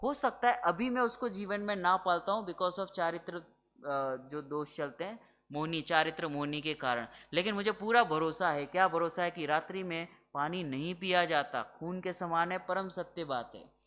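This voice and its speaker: A man's voice: sits high, normal speed, bright, forceful tone. A man teaching Jain scripture in a religious discourse, explaining step by step and often asking whether his listeners follow. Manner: keeps checking if listeners follow, asking rhetorical questions; explanatory, mixes English words into his talk. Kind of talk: religious discourse to a seated audience.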